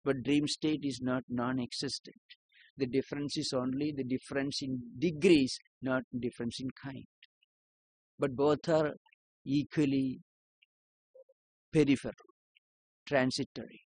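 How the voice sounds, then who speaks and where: A man giving a philosophy lecture in a measured, explanatory way, posing rhetorical questions to his listeners. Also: mid-range voice, fairly even intonation, darkish tone, breathy edge, no echo.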